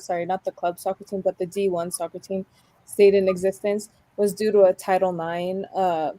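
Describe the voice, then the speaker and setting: A young woman talks conversationally in an interview. Her voice is soft-edged and dark, a little low, and recorded dry with hardly any room. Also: no room sound. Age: 20s. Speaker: club soccer player and founder.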